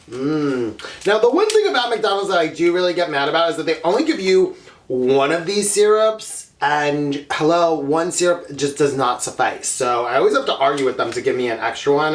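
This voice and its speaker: A man's voice: medium pitch, a little hiss or hum. A young man in his twenties chats casually to the camera while he eats. He sounds playful and talkative, with a mid-range voice. The room around him gives a noticeable echo. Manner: chatty and playful, talks with his mouth full. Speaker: vlog host. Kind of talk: casual mukbang vlog, talking while eating. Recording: roomy echo.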